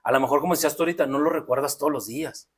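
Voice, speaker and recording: A man's voice: on the high side, rapid-fire. Reflective Mexican man on a podcast. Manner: reflective, explains at length with many restarts. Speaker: podcast co-host. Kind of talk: casual podcast conversation.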